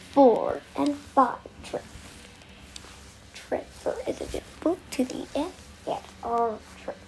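A woman working as a train announcer reads scripted station announcements slowly in set, clipped phrases. Her very high voice rises and falls in a lively way, and the recorded announcements carry audible noise.

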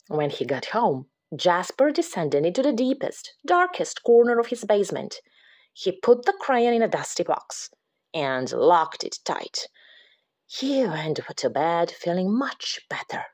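An adult mother reads a spooky picture book aloud without hurrying, her pitch lifting and falling expressively. For the creepy parts she drops into a dramatic, theatrical whisper.

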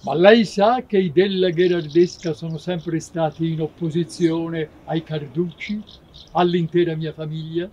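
An actor playing an old nineteenth-century poet who declaims verse and asks courtly questions. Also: male voice, fairly high pitch, fairly even intonation, unhurried, warm tone, muffled recording, slight background noise, natural voice. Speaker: actor in a short film. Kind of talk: amateur theatre acting.

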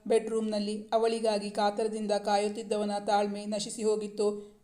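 Woman reading a romance serial, flat and mellow. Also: medium pitch, moderate pace. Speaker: story narrator.

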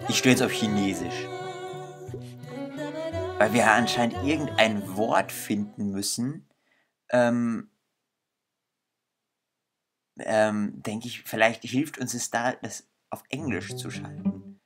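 This young gaming video host, a native German speaker, thinks aloud while playing a video game, his casual commentary tinged with exasperation. His voice is on the low side and a little slow. He's indoors at a computer, with game music in the background.

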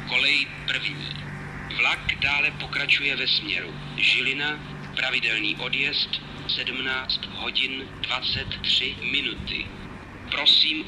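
A man making formal, measured, pre-recorded railway announcements in segmented phrases over a station public address system. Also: mid-range voice. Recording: noisy station loudspeaker recording.

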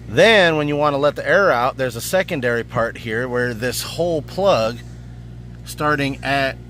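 This man's voice is mid-range and a bit bright, measured in pace, with a little hiss or hum in the audio. He's outdoors at a campsite on sandy ground, holding his own handheld camera as he casually tries out and reviews a product, speaking informally and thinking aloud.

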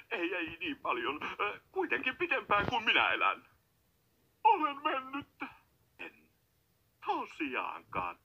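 A man's voice: high-pitched, sharp tone, slightly rough, heavily acted. A man voicing a greedy, fretful butler who mutters and giggles to himself in a film dub. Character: greedy scheming male butler. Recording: dull film soundtrack with music.

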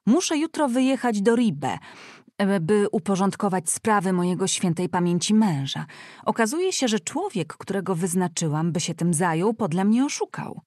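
Audiobook: woman reader doing a grumbling old aunt, loud and scolding, dry close read. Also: medium pitch, lively intonation, normal speed, dry recording, natural voice. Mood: fussy. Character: fussy, grumbling older aunt, widowed. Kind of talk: audiobook character reading.

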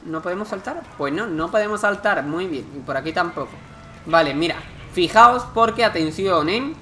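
A man's voice: sits high, animated, normal speed, a bit bright, slight background noise. Joking man from narrating gameplay. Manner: chatty, joking, exclaims at the game. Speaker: gameplay commentator. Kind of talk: casual let's-play commentary. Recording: game music behind the voice. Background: game music.

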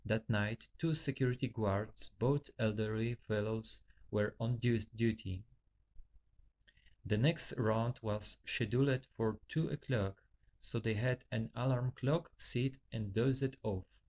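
A man reading his own novel aloud, halting often and correcting his own stumbles. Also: medium pitch, darkish tone. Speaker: author.

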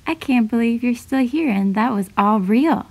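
A woman voicing a curious, imaginative seven-year-old girl in a storybook, speaking in a bright, wondering way. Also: on the high side, moderate pace, creaky. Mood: amazed.

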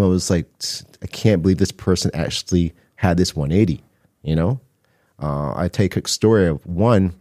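A mental health counselor and artist from Barbados, middle-aged, speaks as a podcast guest in a low, mellow voice, telling his story conversationally. The recording is dry, made close on a boom-arm studio microphone in a small indoor podcast studio.

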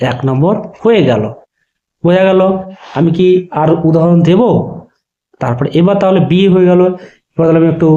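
A man teaching with a fairly high but mellow voice, spelling words letter by letter. He keeps asking his students if they follow. The recording sounds dull and lo-fi. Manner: checks understanding with repeated questions, spells letters out slowly. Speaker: online teacher. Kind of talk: spoken lesson to students.

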